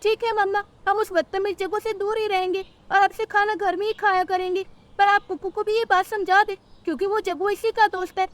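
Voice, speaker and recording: A woman's voice: very high-pitched, steady tone, brisk, few pauses, pitched above the performer's own voice. Guddiya, a woman doing a timid little girl bird. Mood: worried.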